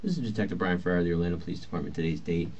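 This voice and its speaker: Deep-voiced male detective on interrogation tape. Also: racing, a little mellow. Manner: polite, procedural and reassuring. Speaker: police detective. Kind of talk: police interrogation, reading rights and questioning. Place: police interview room. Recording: muffled lo-fi interview-room recording with faint hiss.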